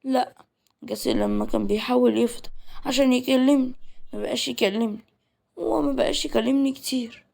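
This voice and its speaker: A woman's voice: a little high, brisk, vocal fry, darkish tone. A woman voicing a young Egyptian woman who complains that her fiancé ignores her. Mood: worried, complaining. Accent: Egyptian Arabic.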